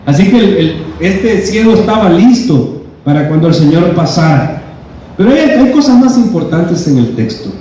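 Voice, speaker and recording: A man's voice: high voice, sing-song, moderate pace. Male pastor preaching in an echoey church. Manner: addresses listeners as "hermano", rises to loud cries when quoting. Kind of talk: expository sermon. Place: church sanctuary. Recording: very echoey church hall from far off, faint noise.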